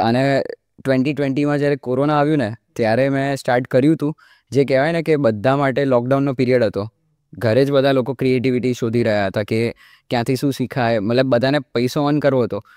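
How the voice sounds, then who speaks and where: A young Indian mimicry artist in his early twenties chats as a podcast guest, explaining things in a relaxed way and dropping in English fillers like "like." His mid-range voice is smooth and quick. The studio-quality recording has no echo.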